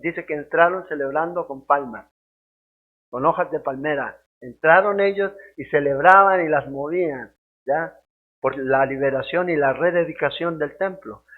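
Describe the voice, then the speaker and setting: A man teaching a Bible study as a pastor, lively and conversational, often checking that listeners follow. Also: fairly high pitch. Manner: keeps asking "¿ya?" to check understanding, lively and conversational. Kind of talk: sermon-style Bible teaching. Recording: tinny phone-like sound.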